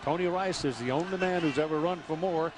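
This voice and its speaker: A man calls a college football game play by play, snapping out each down, yardage and clock time in a brisk, clipped way. His voice sits a little high for a man. Heavy, constant noise runs under the old broadcast. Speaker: play-by-play announcer.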